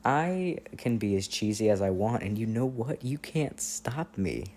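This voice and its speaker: An audio roleplay performer with a lowish, lively voice plays an affectionate, playful boyfriend on a long-distance call. It's intimate, casual ASMR roleplay with gentle teasing and hesitant pauses.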